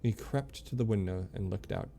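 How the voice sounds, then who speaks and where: A man with a low, gravelly voice reads game lore aloud on a stream. His tone is mellow and dark. He stumbles over the words and corrects himself as he goes. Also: soft background music. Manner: halting reading with stumbles and self-corrections.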